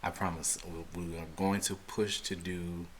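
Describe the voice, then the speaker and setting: A man co-hosting a relaxed podcast, chatty, laughing often and filling gaps with ums. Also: low-pitched, normal speed, a little hiss or hum. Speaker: co-host. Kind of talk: casual chat.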